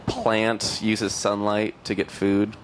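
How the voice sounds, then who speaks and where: A man's voice: lowish voice, monotone, slow pace, background noise. A man running a prank interview bit on passersby. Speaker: comic correspondent.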